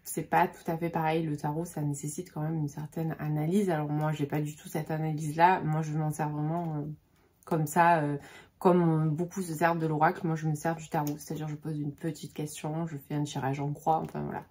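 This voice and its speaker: A woman's voice: low voice, flat delivery, fairly quick, a little mellow. A woman in her forties chatting casually about books on her vlog, hesitant with many fillers and restarts. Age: 40s. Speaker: book vlogger. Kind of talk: casual book vlog chat.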